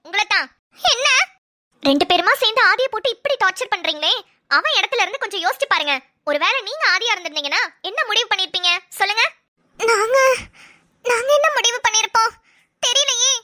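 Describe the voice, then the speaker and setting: A woman's voice: very high-pitched, expressive, quick pace, pushed and bright, heavily acted. A woman voicing a mischievous, bossy young cartoon woman who teases and schemes. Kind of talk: cartoon voice acting.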